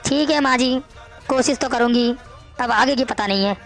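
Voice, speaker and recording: A woman's voice: on the high side, normal speed, faint music behind, lightly acted. A woman voicing an outspoken young daughter-in-law who answers back in a cartoon story. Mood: defiant. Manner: pleading, then pert back-talk.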